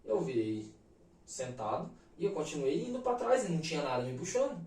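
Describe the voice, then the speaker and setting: A man's voice: a little high, fairly quick. Brazilian man telling a story in a roomy space. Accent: Brazilian Portuguese. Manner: animated, emphatic, peppers speech with slang fillers. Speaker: podcast guest. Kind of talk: casual storytelling. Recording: roomy echo, mic at a distance.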